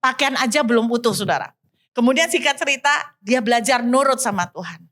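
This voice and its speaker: Woman pastor, high-pitched, animated storyteller who drops in English phrases. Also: brisk. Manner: animated, addresses the congregation often, mixes in English phrases. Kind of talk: sermon storytelling.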